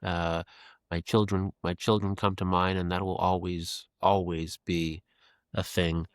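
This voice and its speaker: This podcast guest is a creative executive of about fifty whose low, dry voice moves a little slowly, smoothly, and with a level tone. There's no room sound at all. In casual, reflective interview conversation he comes across as earnest and thoughtful, repeating phrases as he works through ideas.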